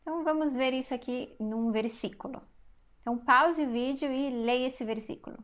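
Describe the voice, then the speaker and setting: A woman's voice: high voice, normal speed. A woman, a language teacher in a recorded video lesson, who explains patiently and step by step to her viewers.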